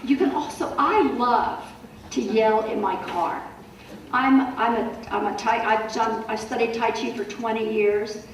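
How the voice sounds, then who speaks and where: Middle-aged lady giving a talk to a group, animated stories, sounds far from the mic, faint hiss. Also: fairly high pitch, a little slow. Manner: lively storytelling, animated asides. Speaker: wellness speaker. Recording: roomy hall, voice from far off, faint noise.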